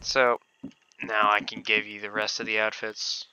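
A man's voice: lowish voice, monotone, unhurried, pushed and bright, clean tone. A man giving rambling, hesitant gameplay commentary on a stream, with casual swearing. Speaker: game streamer. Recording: dull lo-fi recording.

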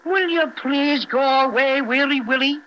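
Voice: sits high, measured pace. An actor playing a small, folksy, fussy toy bear guiding children in 1930s radio style. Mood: annoyed. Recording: dull, noisy 1930s radio recording.

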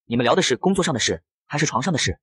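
Brief: a man doing a haughty young star, cool and cutting, husky, fast delivery. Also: mid-range voice, animated, a bit bright, dry recording, clean studio sound. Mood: cold. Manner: cool, sarcastic, curt. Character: proud, stubborn young male star, cold and cutting.

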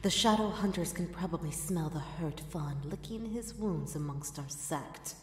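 A woman's voice: fairly low pitch, moderate pace, darkish tone, natural voice. A woman playing an imperious, scornful vampire schemer in a video game, commanding and contemptuous. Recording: echoing hall with faint music.

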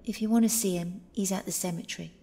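A woman's voice: medium pitch, fairly even intonation, fast talker, dark tone, slight background noise, natural voice. An actress voicing a bitter, dismissive young woman in a video game, with a scornful, snapping delivery.

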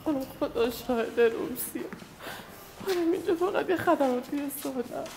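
A low-ranking cleaner, anxious and evasive, swearing over and over that she knows nothing. Her voice sits high, and background noise is clearly heard. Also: expressive, a little mellow. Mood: fearful. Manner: nervous, swearing denials. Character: frightened female office cleaner, evasive and anxious. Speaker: cleaning worker. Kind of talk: film drama acting.

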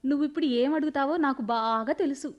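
An actress playing a bold, scheming young village woman in love, who talks in a teasing, lively way in a radio play. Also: sits high, a little fast, highs cut off, lightly acted.

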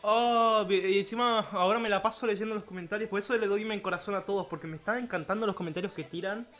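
Young Argentine YouTuber, bright sharp tone, playful cursing, stumbles when he talks fast. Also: high voice, fairly even intonation, soft background music. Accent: Argentine Spanish. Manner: stumbles over words; swears freely, playful. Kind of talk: casual comment-reading vlog.

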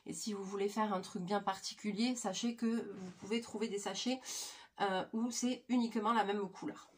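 Hoarse woman chatting through a craft tutorial. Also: mid-range voice, steady tone, moderate pace, a little mellow. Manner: informal, slangy. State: hoarse, croaky from flu, coughing. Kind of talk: casual craft tutorial chat. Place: small attic room indoors.

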